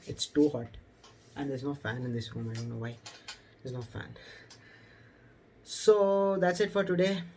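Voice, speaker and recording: A young adult motorcycle vlogger with an Indian accent addresses the camera casually from a room, explaining things in an easygoing manner. His voice is medium-pitched and a little mellow, with a touch of hiss or hum in the audio.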